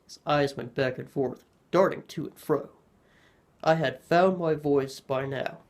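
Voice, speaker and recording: A man narrating a horror story in a measured storytelling manner. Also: a little high.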